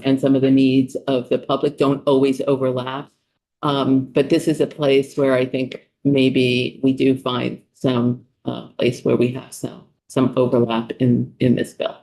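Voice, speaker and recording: A state official with a New York City accent testifies as a witness before a legislative committee. His medium-pitched, darkish voice sounds conversational, with frequent ums and sentences restarted midway.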